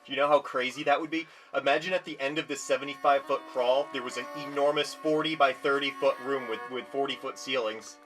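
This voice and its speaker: A man's voice: medium pitch, fairly even intonation, a little fast, hardly any pauses, over music. A man chatting casually and with awe as he explores a cave as an amateur caver. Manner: awed, marveling. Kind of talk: casual exploration vlog chat. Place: in and around a small marble cave.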